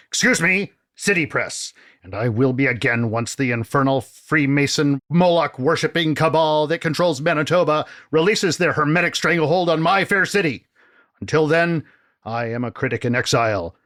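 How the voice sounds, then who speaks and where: A man's voice: a little high, fairly bright tone. A man playing a pompous, paranoid male film critic in exile, speechifying with grand indignation in a comedic character bit.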